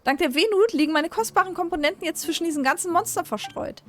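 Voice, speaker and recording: A woman's voice: extremely high pitch, expressive, fast, faint music behind, pitched above the performer's own voice. A woman reading aloud the lines of a scattered male scholar obsessed with machine parts, in a near-plain voice. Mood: worried. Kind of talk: reading game dialogue aloud.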